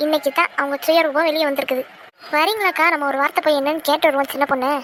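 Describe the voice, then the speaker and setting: A woman's voice: high voice, steady tone, racing, a bit bright, slight background noise. Woman doing an eager gossiping neighbour.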